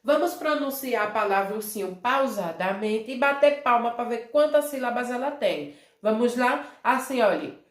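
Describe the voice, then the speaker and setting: Speaking with a Brazilian Portuguese accent, this primary school teacher reviews material with small children in a slightly high, animated voice that echoes. She calls herself "tia," checks in with tags like "né?" and "certo?" after nearly each phrase, and draws syllables out as she demonstrates words.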